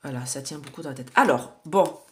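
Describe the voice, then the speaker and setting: A woman in her forties with a low-pitched voice reads oracle cards in a relaxed, chatty way. She addresses her viewers directly and hesitates often as she speaks. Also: fairly quick. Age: 40s. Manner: chatty, talks straight to viewers with many hesitations. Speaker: psychic card reader. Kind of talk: casual oracle card reading to camera.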